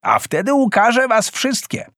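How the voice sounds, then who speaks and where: A man's voice: extremely high pitch, sing-song, measured pace, fairly bright tone, no room sound, studio quality, voice pushed up, heavily acted. A man voicing a cruel, stern witch stepmother in a storybook reading, with a stern, threatening manner.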